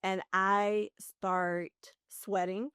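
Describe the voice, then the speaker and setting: A woman hosting a podcast, telling a personal story in a lively, animated way. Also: mid-range voice, drawn-out words, smooth, no echo, clean studio sound. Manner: animated storytelling, acts out her own panic. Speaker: podcast host. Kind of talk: casual podcast conversation.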